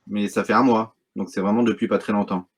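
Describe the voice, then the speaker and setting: A wildlife photographer from Brittany, France, a middle-aged man with a very low, husky voice and steady tone, appears as a guest in a casual interview. He discusses his work haltingly, with frequent fillers and restarts.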